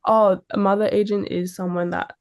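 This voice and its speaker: A young adult woman from Sydney, Australia, a fashion model appearing as an interview guest, chats casually in an Australian accent and tells stories informally. Her voice is medium-pitched, clear and resonant, with a flat delivery at a moderate pace.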